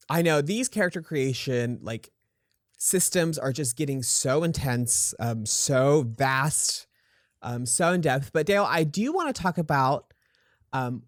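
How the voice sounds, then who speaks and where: A young man co-hosting a casual podcast. His mid-range voice is easygoing, and he often pauses on "um" while he gathers his thoughts. The sound is dry and close. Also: mid-range voice, no echo. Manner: relaxed, frequent "um" fillers, laughs easily. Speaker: podcast co-host. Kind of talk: casual chat.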